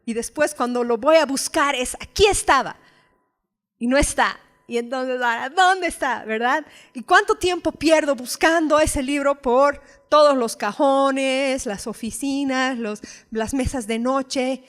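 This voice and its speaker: A woman's voice: high voice, unhurried, few pauses, a bit bright. A woman preaching a conversational sermon, sharing personal stories and asking her listeners rhetorical questions. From Bolivia. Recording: hall reverb.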